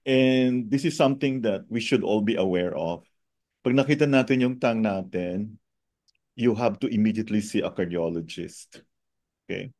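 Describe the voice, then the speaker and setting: Low-voiced Filipino man teaching in Taglish. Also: a little mellow, no room sound, studio quality. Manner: mixes Tagalog and English, often adds tag questions. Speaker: teacher of a Chinese medicine review. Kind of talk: informal online lesson, question and answer.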